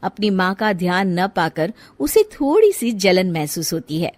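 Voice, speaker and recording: A woman's voice: lowish voice, very animated, unhurried, darkish tone, dry recording. A woman narrating a scripted family story as a storyteller.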